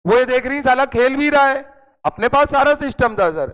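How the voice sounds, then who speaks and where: A high-voiced male chemistry teacher spins an animated anecdote for his students. He slips into the voices of friends and his mother as he tells it. His voice rings through a reverberant classroom with a long echo tail. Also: normal speed, smooth. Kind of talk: classroom storytelling. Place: coaching classroom.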